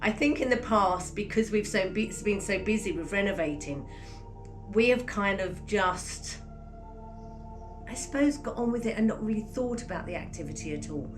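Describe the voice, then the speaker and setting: A woman's voice: mid-range voice, expressive, moderate pace, soft background music. A woman hosting a renovation vlog, talking casually and chattily to camera. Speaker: vlog host and chateau owner.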